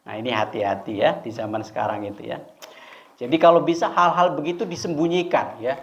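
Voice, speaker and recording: A man's voice: medium pitch, expressive, a little fast, fairly bright tone, a little hiss or hum. A man giving a conversational religious study talk, often asking and answering his own questions. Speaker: preacher. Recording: dull lo-fi recording.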